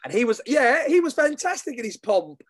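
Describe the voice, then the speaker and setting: A man's voice: very high-pitched, big pitch swings, brisk, no echo, clean studio sound. A man co-hosting casual football chat in a chatty, bantering, colloquial way. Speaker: podcast co-host.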